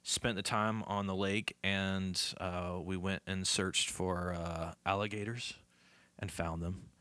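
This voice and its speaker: A man's voice: low voice, flat delivery, slow, sharp tone, dry recording. A male musician from the southern United States, telling rambling stories with lots of fillers. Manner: rambling, many fillers, acts out voices. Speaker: musician guest. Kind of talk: casual storytelling.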